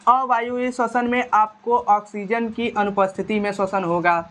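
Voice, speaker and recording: A man's voice: high-pitched, fairly even intonation, moderate pace, a bit bright. A male teacher giving a classroom biology lecture in a conversational style. He keeps asking short questions, answers them himself, and repeats the key terms.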